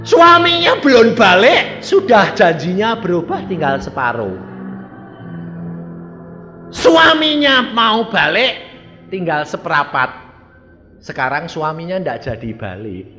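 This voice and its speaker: A man preaching a sermon, dramatic, swinging between loud bursts and soft drops. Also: high-pitched, big pitch swings, slow pace, long pauses, muffled recording. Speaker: evangelist preacher. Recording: echoey hall with faint music.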